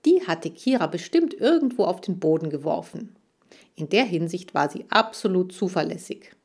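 A woman's voice: fairly low pitch, lively intonation, normal speed, darkish tone, slightly rough. Woman narrating a children's storybook. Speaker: audiobook narrator.

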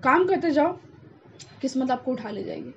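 A woman's voice: sits high, expressive, moderate pace, creaky. A young woman hosting a podcast, talking with passion and emphasis and slipping in English phrases, in a casual interview chat. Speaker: podcast host. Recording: dull lo-fi sound with faint noise.

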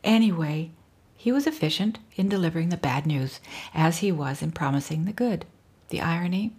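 A middle-aged woman reading aloud from her own memoir in a wry, dryly humorous way, often dropping into soft whispers. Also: lowish voice, expressive, normal speed, husky. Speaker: author reading her book.

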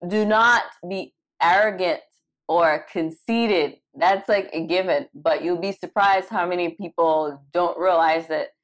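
A young woman from Cameroon hosts a live Q&A as an interview coach. Her voice sits a little low. She talks in an animated, emphatic way and repeats key words to drive them home. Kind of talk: live Q&A session.

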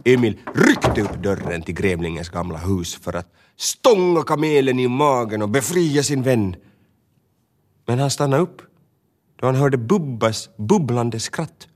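A man narrating a children's storybook with a lively, expressive reading. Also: medium pitch.

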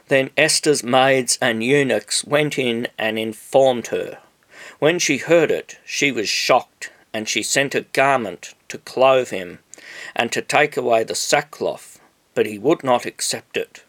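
A man reads scripture aloud at an unhurried, deliberate pace. His voice sits in an ordinary middle register, and his delivery stays measured and solemn from phrase to phrase. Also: medium pitch, a bit bright. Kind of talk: scripture reading.

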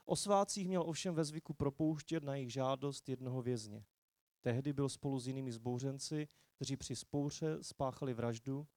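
A man reading a long scripture passage aloud in a church service, measured and expressive, lifting his voice for quoted speech. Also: mid-range voice, no echo. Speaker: preacher. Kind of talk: Bible reading in a sermon. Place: church hall.

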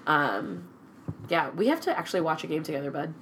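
A woman's voice: low voice, expressive, background noise. A young woman co-hosting a casual sports podcast, playful and joking. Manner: playful, joking, quick asides. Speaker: podcast co-host.

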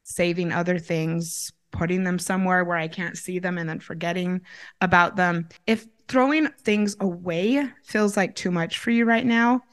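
A woman's voice: on the low side, normal speed. A woman hosting an upbeat advice vlog, coaching listeners directly in an encouraging, orderly, step-by-step way. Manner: encouraging, tidy step-by-step delivery. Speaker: relationship coach and show host.

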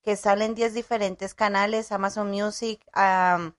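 A woman's voice: medium pitch, a little slow. Chatty woman podcast host. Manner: lively, chatty. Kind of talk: casual chat.

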